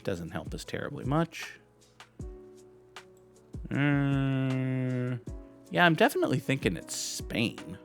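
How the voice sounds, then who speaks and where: A man's voice: mid-range voice, very animated, takes it slowly, long pauses, faint music behind. A young adult man hosting a gaming channel, giving rambling, wry, self-deprecating commentary as he guesses where and when old photos were taken. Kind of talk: casual commentary while guessing photo locations.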